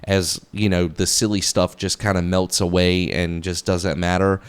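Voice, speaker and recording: A man's voice: deep voice, flat delivery, normal speed, clean tone. A man giving a casual, rambling movie review, full of fillers and restarts, enthusiastic and a little profane.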